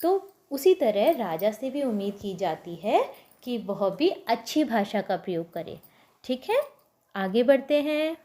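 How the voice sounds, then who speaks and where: A woman's voice: on the high side, very animated, takes it slowly, dark tone. A woman teacher patiently retelling a story to young children, often stopping to explain and ask them questions. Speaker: primary school teacher.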